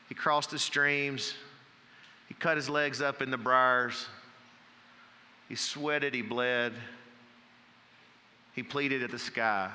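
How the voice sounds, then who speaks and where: A man preaching a sermon from the pulpit, telling folksy stories and dropping to a hush for emphasis. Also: mid-range voice, in a large hall. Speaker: pastor. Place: church sanctuary.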